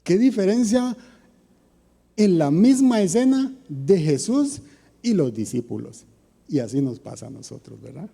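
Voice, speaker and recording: A man's voice: high-pitched, sing-song, unhurried, creaky, mellow, slightly rough. A man preaching a sermon in a conversational way, asking his listeners questions, with a Costa Rican accent. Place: church. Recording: long church reverb.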